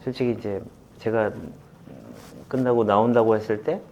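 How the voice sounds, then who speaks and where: A man in his fifties, a football coach, talking through memories in an interview with many pauses and fillers. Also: lowish voice, fairly even intonation, a little mellow, lo-fi sound, a little hiss or hum. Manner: halting and reflective, many fillers, laughs while retelling. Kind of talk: candid interview.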